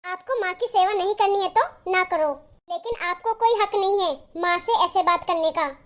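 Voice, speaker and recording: A woman's voice: very high voice, moderate pace, fairly bright tone. A woman voicing a fretful, impatient young married daughter in a cartoon story. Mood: earnest.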